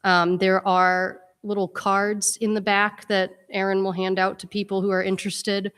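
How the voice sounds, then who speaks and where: A woman with a blocked, congested voice leads a church welcome in an easygoing, conversational manner. She speaks at a middling pitch, and her words hang in the long reverb of a big church sanctuary. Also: little pitch movement, moderate pace, a bit bright, clean tone. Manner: chatty, informal, with frequent ums. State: congested with a head cold. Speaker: minister leading worship.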